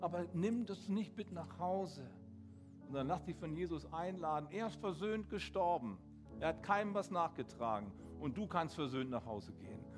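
A man preaching a sermon in German, retelling a story with animated, acted-out quotes before leading into prayer. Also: fairly high pitch, moderate pace, over music. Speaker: pastor.

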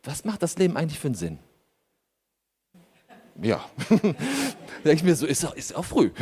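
High-voiced man telling a sermon story. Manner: animated anecdotal storytelling with laughter. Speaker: pastor and lawyer.

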